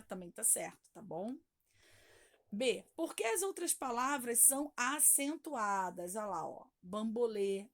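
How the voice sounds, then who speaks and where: A Brazilian woman teacher patiently walking young pupils through homework, stretching key words and checking in often. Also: high-pitched. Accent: Brazilian Portuguese. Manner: patient, drawn-out stressed words, checking in with "tá bom?". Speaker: primary school teacher. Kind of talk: recorded homework walkthrough.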